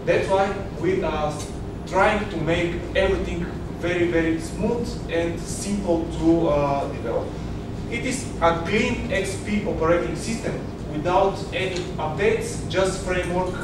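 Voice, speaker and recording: Bulgarian man in his 30s, conference software demo, halting delivery, heard from across a very echoey hotel room with a humming background. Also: sits high. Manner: hesitant, many filler sounds, non-native phrasing. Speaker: software presenter. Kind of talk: conference product presentation. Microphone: far camera. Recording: very echoey room, distant mic, background hum.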